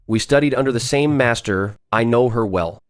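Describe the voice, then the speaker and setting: A man's voice: medium pitch, normal speed, natural voice. A man playing a provocative, protective designer in an English-dubbed drama, teasing and assured. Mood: challenging. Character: smooth-talking, provocative male designer, protective senior colleague.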